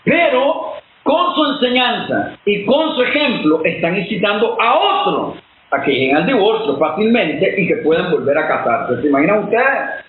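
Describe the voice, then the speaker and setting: A high, animated male voice preaching with force, his pitch swinging up and down as he keeps putting questions to the congregation. The sound comes through a tinny, phone-like line with an echoey room and a faint hiss behind it. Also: normal speed. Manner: emphatic, keeps asking the listeners questions. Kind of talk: sermon-style Bible teaching.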